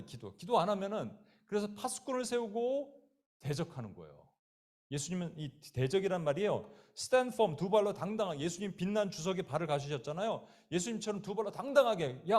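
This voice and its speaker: A man's voice: a little high, darkish tone. A man preaching a sermon as pastor, telling stories vividly and acting out voices in the quotes, speaking straight to his listeners. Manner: direct, addresses listeners and a child by name.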